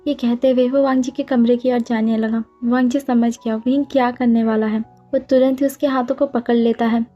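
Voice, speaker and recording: A woman storyteller narrating a fan fiction story at a steady pace. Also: a little high, normal speed. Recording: dull lo-fi recording with soft music.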